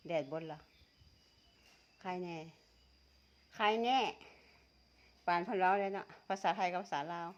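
A woman's voice: on the low side, unhurried, pauses often, muffled recording. A woman with an Isan accent from northeastern Thailand, chatting casually and teasingly while eating, laughing often. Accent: Isan (northeastern Thai), Tai Yo. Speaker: vlogger.

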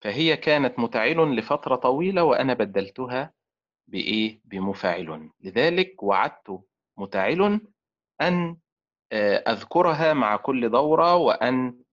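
A male lecturer teaching an online class. He speaks slowly and deliberately, sounds out syllables, and leaves questions half finished for his students to complete. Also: medium pitch, animated. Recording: dull lo-fi sound.

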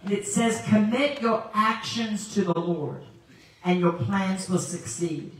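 A woman in her sixties from South Africa preaches a sermon as a guest evangelist in a large indoor church sanctuary, telling animated stories punctuated by laughter. Her voice is mid-range and slow. She holds a handheld mic, but a distant camera captures the very echoey hall from far off.

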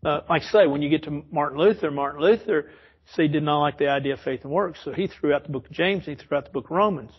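Heard in lo-fi sound, a man with a slightly high, slightly rough voice talks fast while teaching an informal Bible study in a church classroom. He wanders, fixes his own statements, and laughs softly a lot.

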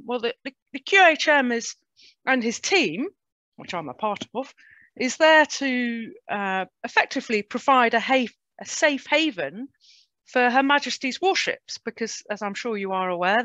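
A British woman speaks in a fairly high voice, presenting slides in an informal way. She is on a video call, with very little room sound and slightly muffled audio. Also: fairly bright tone, no echo. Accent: British English. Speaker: presenter, port safety officer's assistant. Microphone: video call microphone. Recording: dull, dry webinar audio.

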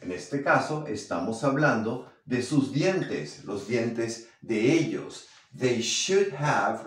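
Slow, lively Spanish-speaking man teaching English. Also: medium pitch. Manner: slow, drawn-out model phrases. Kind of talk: language lesson. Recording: echoey room, far from mic.

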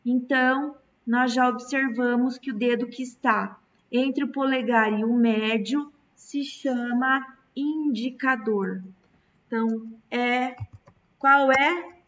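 A woman's voice: a little high, steady tone, slow pace, a bit bright, a little hiss or hum. A Brazilian woman teaching a recorded lesson to children, patient and stretching out key words. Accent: Brazilian Portuguese. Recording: distant, dull lo-fi mic.

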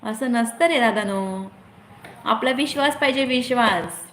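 A woman's voice: on the high side, unhurried, roomy sound, background noise. A woman hosting a casual live stream on her phone. She chats, reads viewers' comments aloud, answers them and gives friendly advice.

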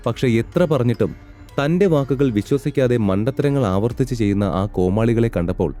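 Male storyteller, mid pitch, steady scripted narration, faint music behind. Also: brisk. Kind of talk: scripted audio drama narration.

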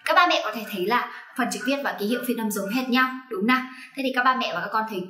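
In an online phonics lesson for parents and children, a woman teaches English pronunciation, coaxing and checking their progress as she goes. Her high voice is sharp and rapid-fire, and the sound is roomy.

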